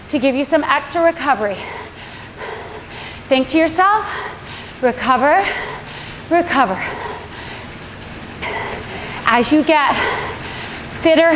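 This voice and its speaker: A middle-aged woman explaining a workout to riders as their indoor cycling coach. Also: sits high. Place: indoor room with large windows, on a stationary bike. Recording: echoey room, clear background noise.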